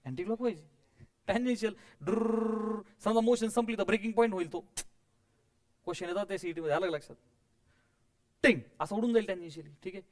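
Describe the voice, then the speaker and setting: A man's voice: sits high, rapid-fire, a little mellow. A man teaching physics to a classroom of students, coaxing and quizzing them, mixing English terms in and adding playful sound effects.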